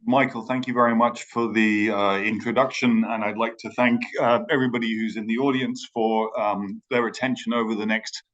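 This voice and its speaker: A man's voice: lowish voice, fairly even intonation, normal speed, few pauses, a bit bright, dull audio. A man from Ireland with a British accent, giving a remote conference talk, hesitant with many fillers and restarts. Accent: British English. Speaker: conference speaker. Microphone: video call.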